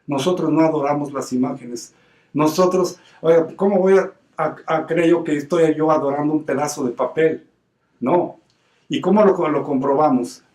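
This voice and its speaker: A man's voice: a little high, moderate pace, a little mellow. Mexican man, lay preacher, earnest and emphatic, stumbles over words; voice distant from the mic in an echoey room. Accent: Mexican Spanish. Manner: earnest and emphatic, with many restarts and repeated words. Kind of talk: informal sermon. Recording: roomy sound from away from the mic.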